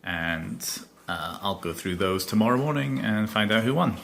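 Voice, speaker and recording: Speaking at a moderate pace, a young podcast host from Scotland chats through a casual solo episode in a faded Scottish accent. His voice sits on the low side, gravelly and a bit bright, with a steady tone, and his talk rambles with many ums and self-corrections.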